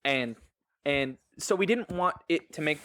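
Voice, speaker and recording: A man's voice: a little high, lively intonation, unhurried, a bit bright. Chatty man acting out quotes. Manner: chatty, acts out quotes, laughs often. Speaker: panelist. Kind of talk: panel discussion.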